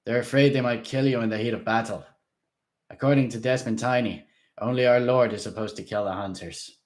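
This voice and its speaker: A composed guard of a dark lord lays out his terms in a formal, measured, authoritative tone, played by a male reader. The voice stays steady and controlled, only slightly lifted from the reader's own. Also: medium pitch, close to an everyday voice. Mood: commanding. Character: calm commanding vampire-lord's guard, man, measured.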